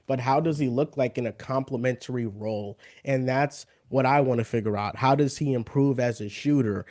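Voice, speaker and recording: A young man co-hosting a casual sports podcast, laying out his picks in a measured, hedging way. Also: medium pitch, a little mellow. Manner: measured, hedging takes with fillers. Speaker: podcast co-host.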